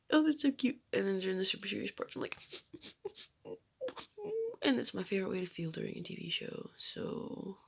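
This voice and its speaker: Young woman, vlogger, casual rambling chat, giggly, whispery asides, gravelly fry. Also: mid-range voice. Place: her room at home.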